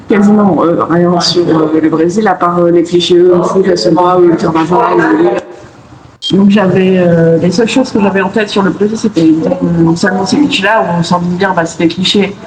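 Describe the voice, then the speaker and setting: A woman's voice: lowish voice, steady tone, moderate pace, crowd noise. A young woman from France, a student guest in a casual interview, explaining her views in a reflective, thorough way. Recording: echoey room, faint noise.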